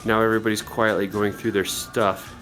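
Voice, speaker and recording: Outdoors, with faint music in the background, a man leading a motorcycle tour narrates his travel video in an easygoing, joking way while filming the trip. His voice is fairly low and a bit bright, and his delivery is brisk and flat.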